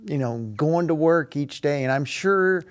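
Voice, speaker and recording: Slow-talking man co-hosting a podcast. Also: a little high, smooth. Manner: agreeable, halting, short interjections. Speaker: podcast co-host. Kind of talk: casual podcast chat.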